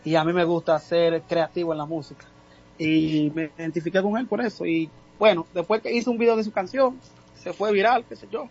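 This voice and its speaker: Dominican male guest, halting speech, higher register, dull lo-fi recording. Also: fairly even intonation, darkish tone, breathy edge. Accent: Dominican Spanish. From Dominican Republic. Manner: halting, many filler sounds. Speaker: guest singer. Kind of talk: casual interview.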